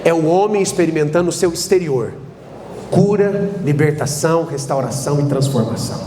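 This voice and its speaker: A Brazilian pastor with a high-pitched male voice preaches a sermon and acts out every character in his stories. The long reverb of a church hall trails his words, with a faint hiss underneath. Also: lively intonation, fairly quick, warm tone. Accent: Brazilian Portuguese. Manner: dramatic storytelling, acting out dialogue.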